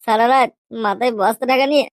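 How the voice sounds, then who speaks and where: A woman's voice: a little high, fast, no echo, lightly acted. A woman voicing a crude, pushy young boyfriend in a comedy cartoon, using coarse slang and a wheedling, teasing manner. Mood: pleading.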